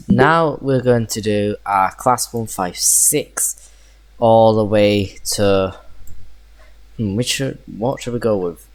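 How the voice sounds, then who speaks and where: A man giving casual gameplay commentary, musing to himself as he goes. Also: fairly low pitch. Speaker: gamer commentating on a train game. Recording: noisy game audio behind voice. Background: train and vehicle noise.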